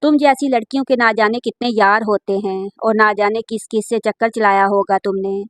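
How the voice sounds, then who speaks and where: A woman's voice: mid-range voice, steady tone, normal speed, no room sound, close to an everyday voice. A woman reading as a furious jealous husband. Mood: angry. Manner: accusing, harsh. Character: furious jealous young husband, shouting accusations.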